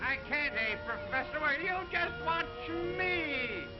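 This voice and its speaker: A man voicing a brash, excitable little cartoon character in an early talkie film, boisterous and exclamatory. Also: very high-pitched, takes it slowly, heavily acted. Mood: gleeful, defiant. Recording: dull 1920s optical film soundtrack, music behind.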